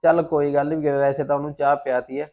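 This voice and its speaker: A man's voice: a little high, flat delivery, fast talker, natural voice. A man playing a lecturing village husband in an amateur short film, with a scornful tone. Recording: dull lo-fi sound.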